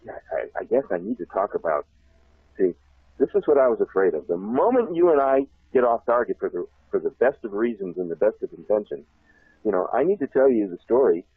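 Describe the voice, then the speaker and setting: A man telling a long childhood story on a talk show, animated and laughing often. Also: fairly low pitch, fairly quick, breathy edge, dry recording. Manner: animated, laughs often, acts out shouted voices. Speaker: guest telling a life story. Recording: tinny phone line.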